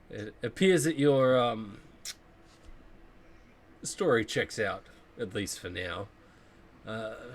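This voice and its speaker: A man voicing a male official who questions the adventurers, hesitant and full of pauses. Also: lowish voice.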